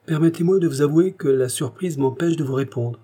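A man's voice: a little high, brisk, dark tone, slightly rough, voice pushed up. A man voicing a polite young noble officer who speaks in a courteous, formal way in an audiobook. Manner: courteous, formal, then impatient.

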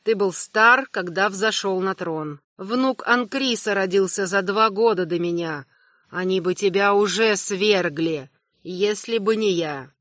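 A woman voicing a calm young prince who speaks quietly and evenly in an audiobook. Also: mid-range voice, unhurried, dry recording, clean studio sound, lightly acted. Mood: calm, cool. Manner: quiet, even, unruffled. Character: young prince with fiery eyes, calm and cold. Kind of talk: audiobook character voice.

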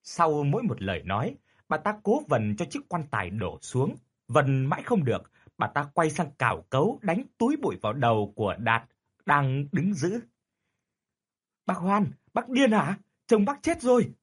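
A man's voice: mid-range voice, wildly swooping pitch, moderate pace, husky. A man narrating a horror story dramatically.

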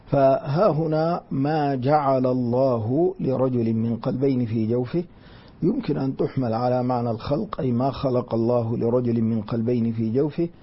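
A man teaching a Quranic exegesis lesson, methodical, repeating key words slowly to explain the readings. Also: mid-range voice, husky, dull audio.

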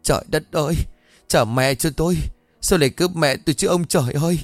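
A grown son, frantic and wailing, cries out in a high, loud voice, as a male storyteller puts him on. The sound is dry and close, with soft music underneath. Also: a little fast, dry recording, natural voice. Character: panicked grown son crying for help.

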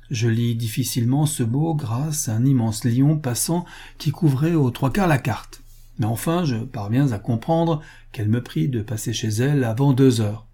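A man's voice: medium pitch, warm tone, slightly rough, close to an everyday voice. A man as a wry gossiping uncle. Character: wry, teasing middle-aged uncle, man.

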